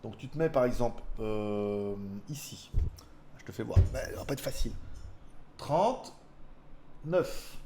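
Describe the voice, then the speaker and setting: A man's voice: fairly high pitch, darkish tone, a little hiss or hum. A man hosting a casual viewer Q&A, rambling and laughing often between answers. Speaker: host answering viewer questions. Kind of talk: casual chat. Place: indoors at home.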